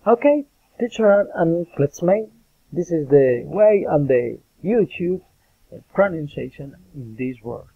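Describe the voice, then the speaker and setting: Slow, husky man reading drill sentences. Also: on the high side, lively intonation, no echo. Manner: careful, halting reading with hesitant fillers. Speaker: student presenting a pronunciation assignment. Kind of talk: reading intonation example sentences aloud. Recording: tinny phone-like recording.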